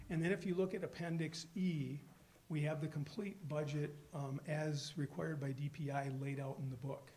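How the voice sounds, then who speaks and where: A man with a hoarse voice from a cold, giving a formal budget presentation at a school board meeting, explaining steadily with frequent fillers. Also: fairly high pitch, mellow, slight background noise. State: hoarse from a cold, losing his voice. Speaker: school district finance official presenting the budget.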